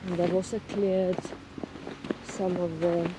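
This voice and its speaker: A man chatting casually as co-host of a hiking vlog, hesitant and pausing mid-sentence. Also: high voice, little pitch movement. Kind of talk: casual chat while hiking. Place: outdoors on a walking trail. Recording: very noisy, windy outdoor recording. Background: loud wind and outdoor noise.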